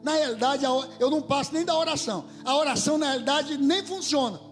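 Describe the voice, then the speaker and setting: A man with a Brazilian Portuguese accent preaching a sermon into a microphone in a church, fervent, rising to shouts and dropping to near whispers. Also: very high-pitched, fast, soft background music. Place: church hall. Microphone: handheld microphone.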